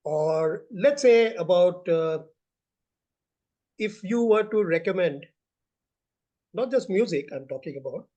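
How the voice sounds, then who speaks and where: High-voiced Indian man moderating a chat. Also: animated, takes it slowly, pauses often, dark tone. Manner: effusive, repeats phrases. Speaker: moderator of a talk show. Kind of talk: casual conversational interview.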